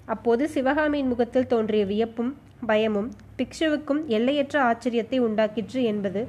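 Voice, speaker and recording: A woman reading a historical novel aloud in an expressive, dramatic storytelling manner. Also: a little high, normal speed, lo-fi sound. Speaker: audiobook narrator.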